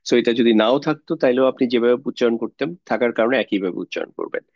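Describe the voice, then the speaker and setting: A man's voice: mid-range voice, rapid-fire, vocal fry, no room sound, muffled recording. A man teaching an online Arabic grammar class, explaining patiently step by step and mixing English words into his speech.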